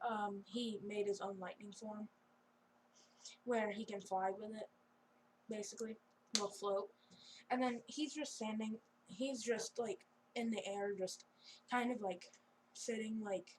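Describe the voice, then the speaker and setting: A woman's voice: fairly high pitch, slight background noise, poor audio. A young woman improvising a fan story in a rambling, giggly, chatty way. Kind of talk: casual improvised story narration.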